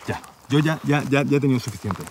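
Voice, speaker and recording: A man's voice: medium pitch, fast talker, slight background noise, close to an everyday voice. An actor playing an irritable, foul-mouthed TV cameraman who keeps losing patience. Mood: exasperated. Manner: irritable, swears a lot, shouts in bursts. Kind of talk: audio drama acting.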